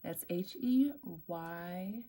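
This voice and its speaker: A woman's voice: fairly low pitch, drawn-out words, mellow. A woman guest on a makeup vlog who chats in a giggly, easygoing way. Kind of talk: casual chat.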